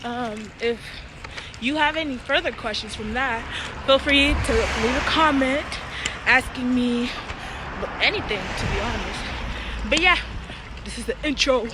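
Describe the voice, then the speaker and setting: A teenage girl films a casual intro while walking home outdoors. Her voice sits somewhat high for a girl, and traffic and street noise are clearly heard behind her. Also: a little slow, pauses often. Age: teens, fifteen. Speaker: vlogger.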